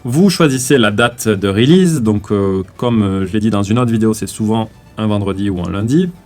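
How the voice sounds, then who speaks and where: Low-voiced French man, casual YouTube tutor, slangy and halting, faint music bed. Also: darkish tone. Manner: slangy, hesitant with many fillers while clicking. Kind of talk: casual screen-recorded tutorial.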